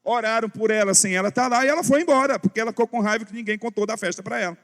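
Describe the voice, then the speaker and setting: A male pastor preaching a sermon, telling stories in an animated way and acting out dialogue. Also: sits high, racing. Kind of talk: sermon with storytelling. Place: large church hall. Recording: long church hall reverb.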